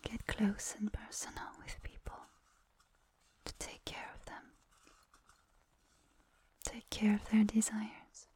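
A woman voicing a gentle, doting massage attendant in an ASMR roleplay, talking in a soft breathy whisper and slipping in French endearments. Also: medium pitch, completely flat delivery, slow, long pauses, natural voice. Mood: soothing.

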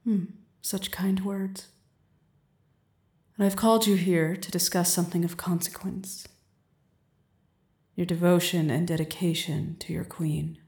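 Casting: an imperious, seductive queen played by a woman, flat, mellow, slow delivery with frequent whispers, roomy echo. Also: fairly low pitch. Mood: regal, commanding. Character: commanding, seductive adult queen on her throne. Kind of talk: audio roleplay.

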